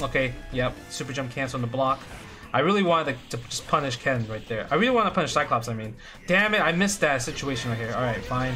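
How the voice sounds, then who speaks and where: A man commentating his own fighting game matches as he plays, swinging from quiet muttering to excited yelling. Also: mid-range voice. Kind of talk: live gameplay commentary.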